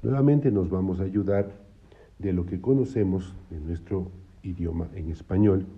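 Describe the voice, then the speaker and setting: A man's voice: low-pitched, moderate pace, husky, highs cut off. A man teaching a patient, repetitive lesson on Hebrew syllables, checking in with his listeners as he goes. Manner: patient, repeats points, asks "¿no?". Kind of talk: explaining biblical Hebrew syllables.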